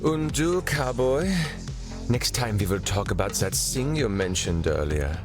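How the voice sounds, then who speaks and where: A woman putting on a deep, low male vampire voice sprinkled with German words. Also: lively intonation, unhurried, over music. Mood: dry.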